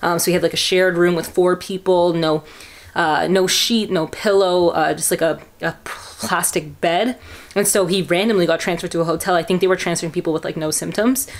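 A woman's voice: on the low side, steady tone, normal speed. Chatty young woman vlogging from home. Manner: chatty, rambling, lots of fillers. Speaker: vlogger and fitness coach. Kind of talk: casual vlog chat. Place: at home indoors.

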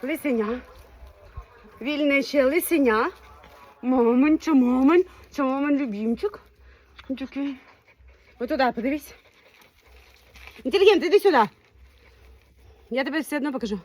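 A woman's voice: high-pitched, animated, normal speed, long pauses, darkish tone. A woman dog breeder in a casual vlog, talking playfully and in baby talk to her puppies, laughing now and then.

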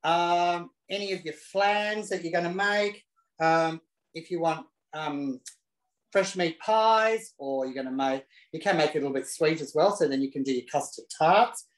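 A man with a fairly high voice speaks at a moderate pace, presenting a casual live cooking demo in his home kitchen. He's camp and chatty, tossing in cheeky asides. It's recorded on a camera he set up himself, with roomy kitchen echo.

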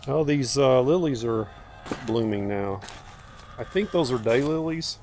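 A man with a medium-pitched, slightly mellow voice gives an unhurried, unscripted tour of his garden outdoors. The homestead vlogger talks in a folksy, plainspoken way, with faint ambient noise around him.

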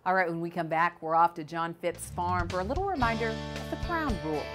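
A woman hosting a farm news show, reading scripted narration in a polished, measured reporter style. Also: fairly low pitch, fairly bright tone, soft background music. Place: TV studio.

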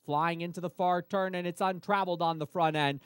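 A man's voice: sits high, steady tone, a little fast, fairly bright tone, smooth, no room sound, clean studio sound. A man calling a horse race live as race caller, in an urgent, running flow of commentary.

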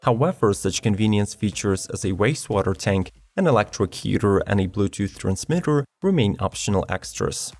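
A man narrating a scripted product video in an even, measured read of specifications. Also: lowish voice. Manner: even, measured reading of specs. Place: studio voice-over. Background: faint background music.

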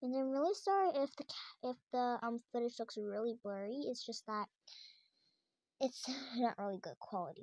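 A young teenage girl films a tablet screen as she gives a casual, wandering tour of her game house, full of fillers and restarts. Her voice is slightly high, and there's no room sound.

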